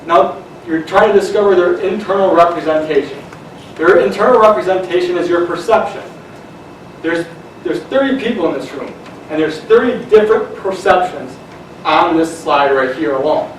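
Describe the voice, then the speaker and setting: A man giving a lively, conversational sales seminar to a room of people, acting out what customers say. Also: high voice, moderate pace, slight background noise. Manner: energetic, conversational, acts out quotes. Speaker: sales presenter. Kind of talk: seminar talk. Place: room with an audience. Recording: very echoey room, mic far off.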